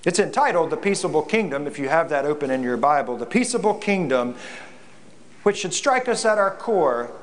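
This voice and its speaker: A man's voice: a little high, expressive, moderate pace. A man, a pastor, preaching a reflective sermon in a church, often repeating words as he goes.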